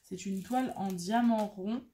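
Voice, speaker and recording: A woman's voice: medium pitch, a little slow, warm tone, slight background noise. A woman chatting casually and mocking herself while she works on a craft, thinking aloud as she goes. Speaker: craft vlogger.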